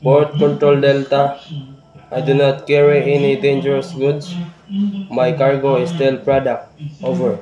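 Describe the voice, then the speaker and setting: Slow flat man over a ship radio. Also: mid-range voice. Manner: clipped, measured radio protocol. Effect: over a marine radio. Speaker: ship's radio operator. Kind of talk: formal radio procedure. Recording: muffled echoey radio transmission.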